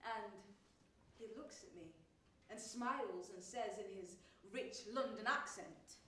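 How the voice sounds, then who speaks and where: An actress as a wry lovestruck young graduate. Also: female voice, medium pitch, measured pace, fairly bright tone, far from the mic, a little hiss or hum, lightly acted. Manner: dramatic, self-mocking, laughing between lines. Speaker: stage actress performing a monologue. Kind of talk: theatrical monologue. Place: theatre stage. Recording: roomy theatre sound from afar.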